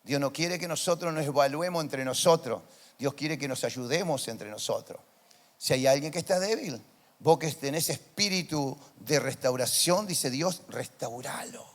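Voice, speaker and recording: A man with a high voice and a Rioplatense Spanish accent preaches to his congregation. He shifts from hushed, personal asides to soaring, emphatic proclamations. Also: moderate pace. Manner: impassioned preaching, swinging from soft to loud declarations. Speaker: pastor. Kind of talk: sermon. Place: church.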